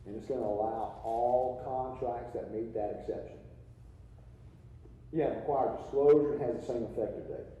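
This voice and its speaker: Male presenter, dark tone, loose and joking, recorded from afar in a reverberant hall. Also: medium pitch, normal speed. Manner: informal, joking, many restarts and asides. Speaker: accounting seminar presenter. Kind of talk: live continuing-education lecture. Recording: echoey hall, distant mic, dull lo-fi.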